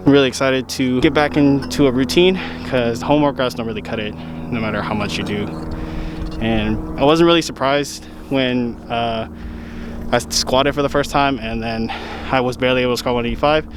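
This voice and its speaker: A man's voice: mid-range voice, normal speed, background noise. A young man, narrating his fitness vlog in a laid-back, slangy way. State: out of breath while hiking. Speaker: fitness vlogger. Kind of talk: casual vlog voice-over.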